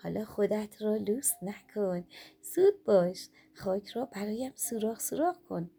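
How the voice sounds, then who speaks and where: A haughty rose flower barks orders in a demanding, bossy tone, as a woman storyteller puts her on. The voice is warm and gravelly with a breathy edge. It sounds like a figure from a children's storybook read aloud. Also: medium pitch, animated. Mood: impatient. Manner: commanding, later pleading.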